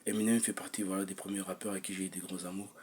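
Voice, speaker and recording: A man's voice: low voice, level tone, racing, a little mellow, a little hiss or hum. A young man talking in a personal vlog monologue, hesitant and rambling, with many fillers and restarts. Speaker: vlogger.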